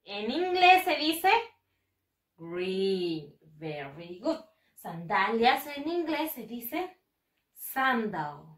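A woman teaching English to first graders in a bilingual lesson, slow and exaggerated, patiently repeating words for the children to copy. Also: medium pitch, very animated, fairly bright tone, distant mic. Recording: echoey room, speaking away from the mic.

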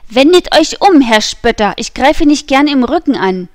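A woman's voice: high-pitched, expressive, normal speed, voice pushed up. D'Artagnan, a fiery young swordsman, read by a woman. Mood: angry, defiant. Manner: furious, defiant shouting. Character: young hot-headed male Gascon swordsman.

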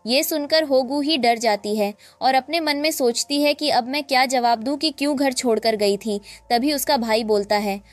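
A woman narrating a drama recap in a lively storytelling way, acting out the quoted lines. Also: high voice, moderate pace, hardly any pauses, no echo, soft background music.

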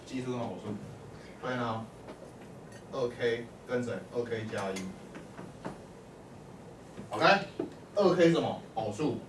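A man's voice: mid-range voice, measured pace, long pauses. Man teaching math in an echoey classroom. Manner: constantly quizzes the class, peppering speech with "lai" and "o" prompts. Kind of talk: classroom lecture. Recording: echoey classroom from far off with faint hum.

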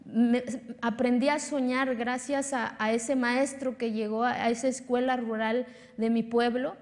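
Standing on a lit stage before an audience in a big hall, a woman in her thirties gives an earnest, emphatic speech and repeats phrases for force. Originally from Oaxaca, Mexico, she grew up speaking Zapotec and has a Mexican Spanish accent. Her voice is a little high, darkish, flat and measured, with hall reverb.

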